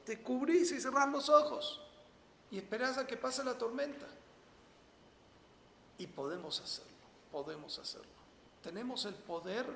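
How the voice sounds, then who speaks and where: A man's voice: sits high, vocal fry, fairly bright tone, echoey room, long reverb tail, slight background noise. A man with a Rioplatense accent teaching a Torah lesson, asking rhetorical questions and then answering them emphatically. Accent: Rioplatense Spanish. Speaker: religious teacher. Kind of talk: Torah lesson to a small audience.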